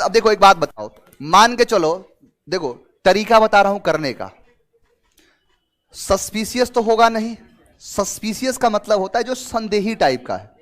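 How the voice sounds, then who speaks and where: High-voiced man teaching an English class. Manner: explains in Hindi mixed with English terms, asks students questions; lively and talkative, gives everyday examples. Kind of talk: online exam-prep class.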